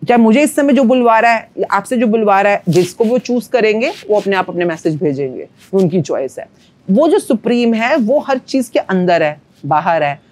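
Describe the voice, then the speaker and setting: A woman's voice: medium pitch, animated, moderate pace, a little mellow. Woman, manifestation coach, podcast guest, teacherly, earnest, uses analogies. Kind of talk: spiritual podcast conversation.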